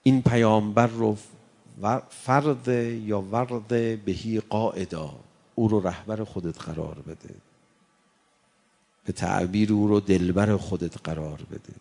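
A man preaching a sermon, reciting Arabic verses and swinging between hushed, intimate passages and impassioned rises. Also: fairly low pitch, vocal fry.

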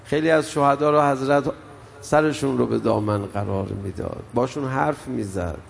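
A man's voice: medium pitch, vocal fry. An older man preaching an emotional mourning sermon, telling stories that swell and drop in intensity. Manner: storytelling, swells and drops in intensity. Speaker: preacher reciting mourning elegy. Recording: long hall reverb, faint background noise.

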